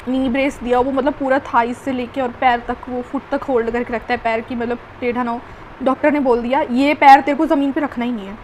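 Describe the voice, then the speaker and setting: A young woman vlogger telling the story of her knee injury in a chatty, animated way, full of fillers. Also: high-pitched, a little hiss or hum, low-quality recording. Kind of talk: casual storytime vlog.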